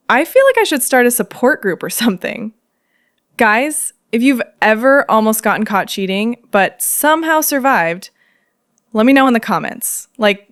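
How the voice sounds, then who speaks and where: A young woman tells a storytime vlog in a chatty, dramatic way, often breaking into giggles and slang aimed at her viewers. Her voice has an ordinary middle pitch. The sound is dry and close, with no room echo. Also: a bit bright, smooth. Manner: slangy, addresses viewers directly. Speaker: storytime narrator.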